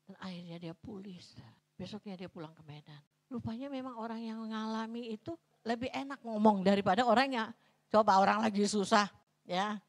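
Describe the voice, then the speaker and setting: A middle-aged woman pastor from Sumatra, preaching a sermon in a church and telling stories, swinging between hushed asides and loud, dramatic peaks. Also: mid-range voice, fairly quick. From North Sumatra.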